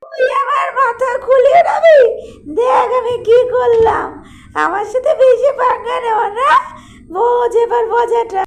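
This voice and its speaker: Shrill, hoarse old granny who yells threats between whimpers and cackles. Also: female voice, fairly even intonation, a little slow, a little hiss or hum. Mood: gloating threat. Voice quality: cracked, broken voice. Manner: shouting threats, half-crying and cackling. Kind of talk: comic horror-game role-play.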